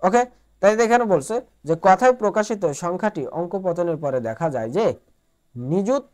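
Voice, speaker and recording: A woman's voice: lowish voice, lively intonation, moderate pace, darkish tone. A woman from Bangladesh teaching a math lesson at the board, explaining step by step, repeating each point and checking that students follow. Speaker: math tutor.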